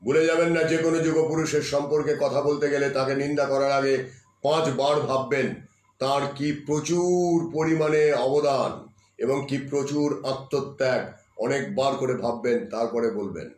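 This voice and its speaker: A man voicing a calm, wise elderly spiritual teacher, speaking in a measured, admonishing way. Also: mid-range voice, lightly acted. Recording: roomy echoey room sound.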